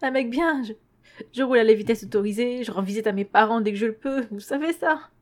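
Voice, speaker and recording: A woman's voice: mid-range voice, moderate pace, a little mellow, natural voice. A woman voicing a terrified ordinary man who pleads and sobs in a story reading. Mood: frantic. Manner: pleading, panicky, tearful.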